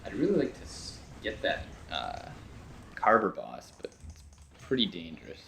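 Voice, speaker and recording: A man's voice: low-pitched, wildly swooping pitch, moderate pace, creaky, a bit bright, a little hiss or hum. A young man rambling through casual let's-play commentary, swearing when frustrated, his voice getting worn from talking. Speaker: gaming video host.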